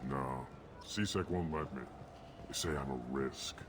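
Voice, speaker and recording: A man's voice: very deep voice, measured pace, background noise. A man voicing a surly, hostile male krogan who talks in blunt, bitter remarks. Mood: sullen.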